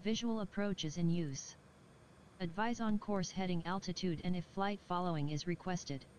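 A synthetic voice reading an automated airport weather broadcast in a flat, clipped, steady way. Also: mid-range voice, normal speed, a little hiss or hum, low-quality recording. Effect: automated airport weather broadcast over radio. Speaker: recorded airport information service. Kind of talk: steady scripted readout of weather and runway data.

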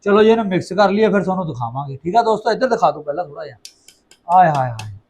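Male home-cooking vlogger, Punjabi accent, high pitch, chatty, playful, exclamatory, repetitive phrasing. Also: lively intonation, rapid-fire, gravelly, a little mellow, husky. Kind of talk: casual chat to viewers while cooking.

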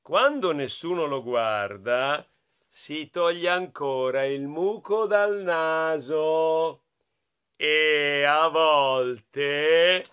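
A man from Italy reading a picture book aloud to children, playful and animated, inviting them to join in. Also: a little high, extremely slow, clean tone. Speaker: children's storyteller.

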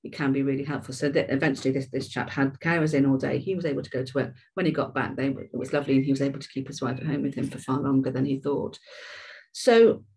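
Husky-voiced woman giving a webinar. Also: rumbling low, steady tone, fast talker, a little mellow. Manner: conversational, with frequent restarts and repeated words. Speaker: webinar host and care trainer. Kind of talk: informal webinar talk.

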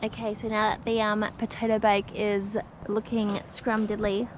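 A woman's voice: mid-range voice, monotone, normal speed, low-quality recording. A young Australian woman vlogging a camping trip, chatty and upbeat with casual slang, recorded outdoors on a camera. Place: outdoor beach campsite. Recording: outdoor camera with clear background noise.

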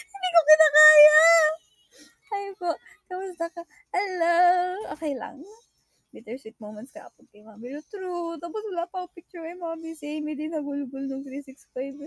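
A woman's voice: sits high, moderate pace, a little mellow, dry recording. A young woman chatting casually with fans on a livestream, giggly and emotional, mixing English into her talk. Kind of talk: casual livestream chat reading fan comments.

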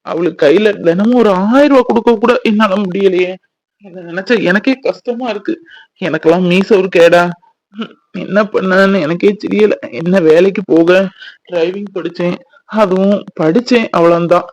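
A man's voice: high-pitched, normal speed, a little mellow, low-quality recording. A man acting a husband in a family drama, talking in a despairing, self-blaming way.

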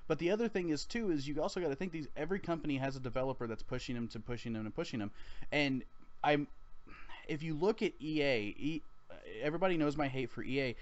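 A male podcast host talking casually about games in long, rambling sentences that often restart. His voice sits at a middle pitch. The audio is dull and lo-fi. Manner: rambling, restarts, laughs easily.

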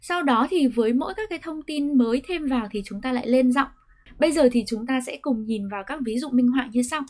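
Vietnamese woman teaching pronunciation. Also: sits high. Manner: clear, patient explaining, slows down to model English sentences. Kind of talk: explanatory lesson with spoken English examples.

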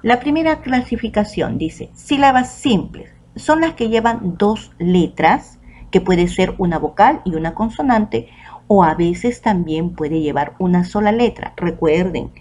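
A woman teacher with a Peruvian Spanish accent, giving a recorded online lesson to children and saying the example words out slowly and clearly. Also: medium pitch, lively intonation, darkish tone. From Peru.

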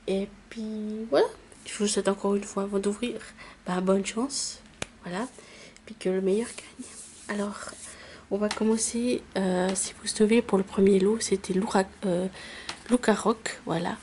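A woman's voice: mid-range voice, fairly even intonation, mellow, slight background noise. A woman YouTuber casually announcing giveaway winners, hesitant and full of fillers. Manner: slow, hesitant, many fillers. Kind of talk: casual vlog chat.

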